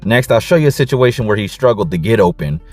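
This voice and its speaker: A man coaching and breaking down football game film, excited, casual, and repeating his catchphrases. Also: lowish voice, fast talker, no room sound, soft background music.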